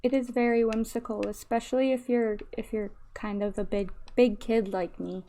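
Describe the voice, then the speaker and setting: A woman's voice: on the high side, steady tone, normal speed, mellow. A woman live streamer chatting casually and gratefully while playing a game, with a slight lisp from missing front teeth. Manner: grateful, gushing thanks to viewers. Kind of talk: casual livestream gameplay chat.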